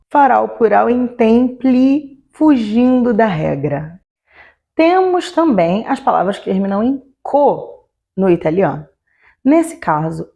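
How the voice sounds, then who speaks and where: A woman teaching an online grammar lesson, slowing down to spell out each example word. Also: medium pitch, gravelly, warm tone. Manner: explanatory, slows to spell out example words. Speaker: Italian teacher.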